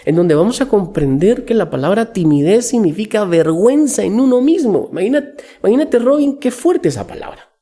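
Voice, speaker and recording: A man speaking as a business coach in a podcast interview, telling lively stories and acting out the people he quotes. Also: high voice, brisk. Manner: animated storyteller acting out quotes.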